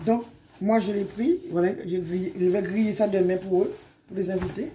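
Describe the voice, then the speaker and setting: A hoarse, middle-aged woman from Guadeloupe chatting casually in a vlog, rambling and often wrapping up her points. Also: medium pitch, steady tone, moderate pace, warm tone, slight background noise. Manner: chatty and rambling, often sums up with "donc voilà". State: hoarse from illness. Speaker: vlogger.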